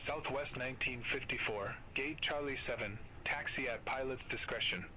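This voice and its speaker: Man acting as sharp, noisy radio air traffic controller. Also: medium pitch, moderate pace. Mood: businesslike. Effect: radio filter. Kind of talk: clipped radio clearances. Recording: noisy aviation radio transmission.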